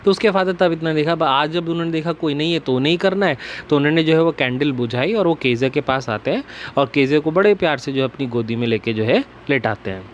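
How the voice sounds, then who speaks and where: A male teacher reads English lines from a story slowly and then explains them in Hindi. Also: on the high side, a little hiss or hum.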